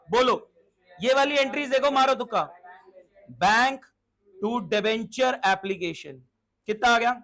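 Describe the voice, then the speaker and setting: An extremely high-pitched, fairly bright male voice leads a commerce lesson in Hindi with English terms mixed in. He keeps asking whether the class follows and gets them to shout out the answers.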